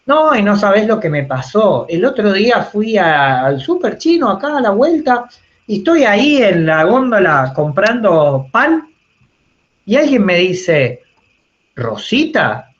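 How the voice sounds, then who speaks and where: A man's voice: high voice, very animated, measured pace, voice pushed up. A man voicing a chatty, forgetful old grandmother, who gushes as she tells the same story again, heard over muffled video-call audio. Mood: gushing. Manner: gushing, repeats the same story.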